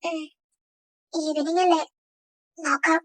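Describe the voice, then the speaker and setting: A woman's voice: very high voice, level tone, slow, fairly bright tone, heavily acted. A woman voicing a timid young female personal assistant who pleads and defends herself. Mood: anxious.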